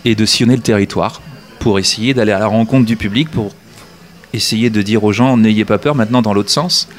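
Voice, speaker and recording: Hesitant low-voiced man from northern France. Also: brisk. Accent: standard French, traces of northern French. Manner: hesitant, many restarts and fillers. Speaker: actor, interview guest. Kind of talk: relaxed conversational interview.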